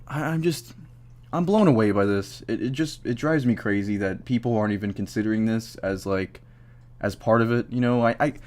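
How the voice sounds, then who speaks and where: A tipsy young man giving a casual, rambling movie review, halting, swearing freely and losing his train of thought. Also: mid-range voice. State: drunk, tipsy. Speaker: amateur film reviewer.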